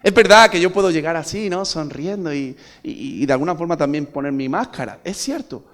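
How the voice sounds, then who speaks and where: A man from Spain preaches a sermon in a slightly high voice. He keeps asking the congregation rhetorical questions. He climbs to loud, emphatic peaks and then drops to quiet asides. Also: animated, fairly quick. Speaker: pastor.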